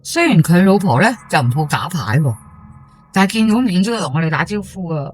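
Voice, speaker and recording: In a lightly acted first-person ghost monologue for audio drama, a woman plays a chatty, superstitious housewife in her sixties from an old housing estate, speaking with a Hong Kong accent. Her slightly low voice has lively intonation, and she tells it like gossip, full of drawn-out particles and exclamations, with faint music behind.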